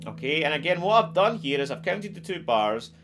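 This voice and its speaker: A man's voice: on the high side, sing-song, fairly quick, a bit bright. A middle-aged man with a broad Scottish accent, giving a casual guitar lesson to camera. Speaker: guitar teacher. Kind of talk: casual instructional talk to camera. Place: small attic home music room, indoors. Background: electric guitar playing.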